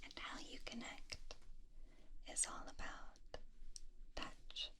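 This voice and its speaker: A woman whispering as gentle, doting Belle. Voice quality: breathy whisper. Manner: slow, tender, reassuring personal attention. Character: gentle, doting young woman grooming a beast. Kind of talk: ASMR roleplay, soft-spoken whisper.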